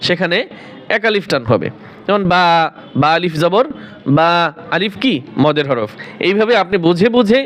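A man teaching Quran reading, taking the viewer through the Arabic letters one by one, asking questions and answering them himself. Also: sits high. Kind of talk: Arabic alphabet pronunciation lesson.

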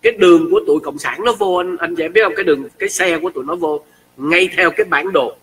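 Excitable high-voiced man. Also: fast talker, distant mic, poor audio. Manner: excitable, acts out shouting quotes. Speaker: storyteller. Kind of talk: animated personal storytelling.

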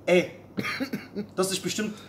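A man's voice: high voice, little pitch movement, measured pace, slight background noise, pitched below the performer's own voice. A man voicing a pushy young woman in a told joke, with a mock-bossy, pleading manner. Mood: coaxing.

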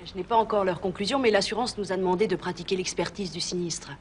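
Actrice en cheffe d'agence cajoleuse, parle vite, petit souffle de fond. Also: female voice, medium pitch, fast talker, a little hiss or hum, lightly acted. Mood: coaxing. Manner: coaxing, wry. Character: persuasive female agency boss. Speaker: boss of an insurance investigation firm.

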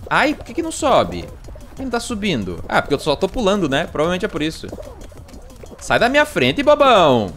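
A man's voice: high voice, wildly swooping pitch, fast talker, fairly bright tone, faint music behind. Jokey Brazilian streamer man. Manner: rambling, jokey, self-mocking. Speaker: livestreamer. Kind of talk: casual gaming livestream chat.

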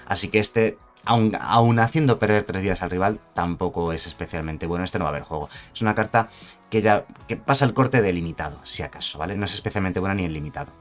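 Low-voiced man, chatty card-review commentary. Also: quick pace, soft background music. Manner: chatty, self-correcting, asks rhetorical "¿vale?". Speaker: card game content creator.

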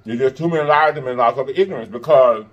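A man with a husky voice, chatting casually and emphatically as he eats crunchy fried chicken, often pausing and humming between bites. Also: medium pitch, dull audio. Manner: eating crunchy fried chicken while talking, with pauses and mm-hums; sassy, emphatic, repeats phrases for emphasis. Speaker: mukbang host. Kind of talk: casual chat while eating. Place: indoors in front of a green backdrop at a table of food.

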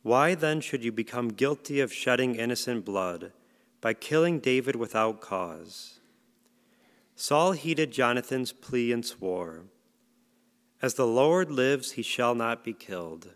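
A male lector reads scripture and leads a psalm at an unhurried, solemn pace. His voice has a middling pitch for a man. A cathedral echo follows each phrase, a long reverb rolling through the large church. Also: expressive, fairly bright tone. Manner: measured, solemn reading. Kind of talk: liturgical reading and psalm.

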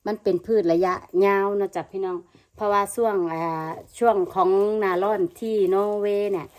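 A woman's voice: mid-range voice, fairly even intonation, a little fast. A woman from Thailand with an Isan Thai accent, chatting casually in a home gardening vlog and often addressing her viewers as brothers and sisters. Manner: chatty, keeps calling viewers "brothers and sisters", many fillers. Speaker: vlogger. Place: home where she lives abroad, with family noise around.

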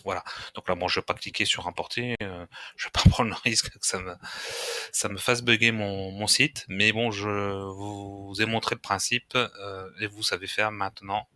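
Hesitant low-voiced man explaining software. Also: fairly even intonation. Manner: hesitant, frequent filler pauses. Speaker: tutorial host. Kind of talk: screen-recorded software tutorial.

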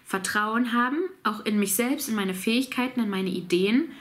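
A woman in her thirties who has a cold chats casually to camera from a small home office, reading out viewers' questions and answering them. She's relaxed and laughs easily, speaking in a mid-range voice at a moderate pace.

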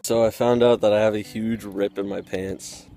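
A man's voice: on the low side, level tone, moderate pace, warm tone, roomy sound. Young man vlogging casually with fillers. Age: young adult. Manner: rambling, hesitant, lots of fillers. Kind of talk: casual vlog chat. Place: home kitchen, then inside a car. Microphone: action camera held near face. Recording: noisy car and outdoor sound.

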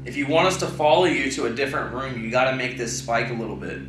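A man's voice: medium pitch, fast talker, fairly bright tone, recorded from a distance. A young man speaking casually to spirits as a ghost-hunting vlogger. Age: young adult. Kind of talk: addressing spirits in casual speech. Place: small bare indoor hotel room. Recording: very echoey room, off-mic, music underneath.

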